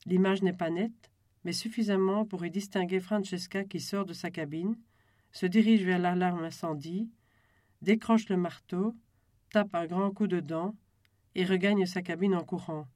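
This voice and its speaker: An audiobook narrator reading a novel in a calm, even storytelling voice. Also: mid-range voice, a little slow, dry recording, clean studio sound.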